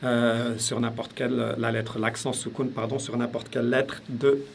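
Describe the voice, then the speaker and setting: A man's voice: medium pitch, little pitch movement, moderate pace, gravelly, a little hiss or hum. A man teaching a casual spoken lesson, explaining step by step and repeating sounds aloud with frequent hesitations. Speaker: language teacher.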